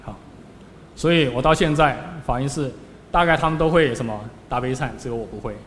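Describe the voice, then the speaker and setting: A man, a Buddhist monk, tells stories in a sermon with a brisk, somewhat bright mid-range voice, performing scenes through sharp swings up and down. It's recorded with long hall reverb and faint background noise.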